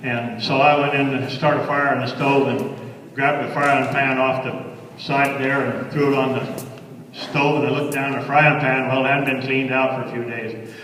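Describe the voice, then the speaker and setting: A man's voice: mid-range voice, flat delivery, normal speed, a bit bright, slight background noise. A very echoey, distant recording of an older man in a big reverberant hall. He has a rural Western American accent and a folksy cowboy drawl. He tells stories and recites cowboy verse in a wry, colloquial, rambling way. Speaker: cowboy poet. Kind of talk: folksy live storytelling and cowboy poetry recital. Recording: echoey hall, voice far from mic.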